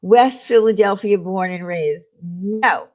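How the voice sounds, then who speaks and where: A New York woman hosting a livestream reads viewer comments in a casual live chat, speaking slowly in a medium-pitched, darkish voice. She's chatty, rambles and laughs easily, and the audio is dull and lo-fi.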